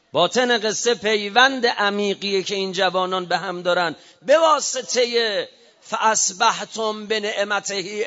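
A man's voice: high voice, a bit bright. Emotional preacher man, muffled sound. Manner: rising and falling emotional oratory. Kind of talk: religious memorial sermon.

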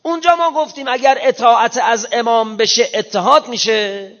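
A man giving an emphatic sermon in casual everyday speech, slowing down to recite scripture. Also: extremely high pitch, a bit bright. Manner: emphatic, quotes scripture in slow measured recitation; colloquial, explains modern slang. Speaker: preacher. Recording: muffled reverberant hall recording.

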